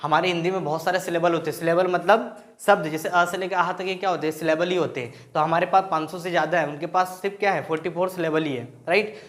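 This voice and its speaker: High-voiced grammar teacher. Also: male voice, steady tone, fast, hardly any pauses, fairly bright tone. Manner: explains in Hindi mixed with English terms, asks and answers his own questions; keeps checking in with "right?". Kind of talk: classroom-style grammar lesson.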